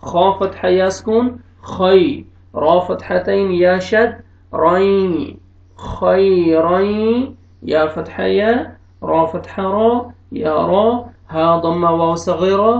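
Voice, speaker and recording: A male Quran teacher with an Urdu-speaking accent, spelling out letters and vowels and then slowly drawing out each joined word, with brisk explanations of the rules in between. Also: high voice, steady tone, creaky. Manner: quick, matter-of-fact explanations of rules between readings. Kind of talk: recorded online recitation lesson. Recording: dull, roomy home recording.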